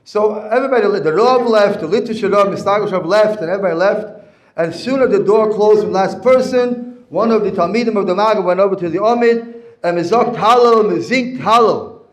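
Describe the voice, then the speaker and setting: A man's voice: sits high, a little fast. A man, a rabbi, giving a Torah lesson with stories, repeating and restating his phrases as he teaches. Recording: echoey room.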